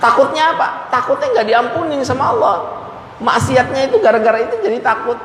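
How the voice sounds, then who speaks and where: Chuckling preacher in echoey hall. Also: male voice, very high voice, big pitch swings, a little fast, fairly bright tone. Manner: casual Jakarta slang, chuckling often. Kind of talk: storytelling sermon. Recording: echoey hall recording with faint room noise.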